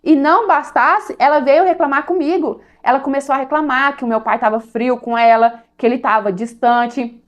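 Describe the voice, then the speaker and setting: Confiding woman storyteller, slightly high voice. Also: moderate pace, hardly any pauses. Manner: confiding, conversational, tags with "sabe?". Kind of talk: first-person story narration.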